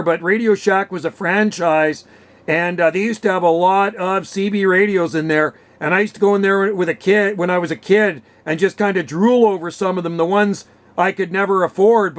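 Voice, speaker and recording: A chatty, enthusiastic CB radio hobbyist from western Canada, around sixty, swaps stories and reminisces in casual radio conversation. He has a high-pitched voice and speaks into a vintage desk radio microphone.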